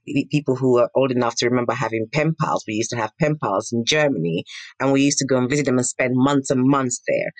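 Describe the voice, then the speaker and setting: A woman's voice: very deep voice, dry recording. A woman in her fifties from Nigeria answering interview questions in an earnest, emphatic, reflective way. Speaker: guest, pharma entrepreneur.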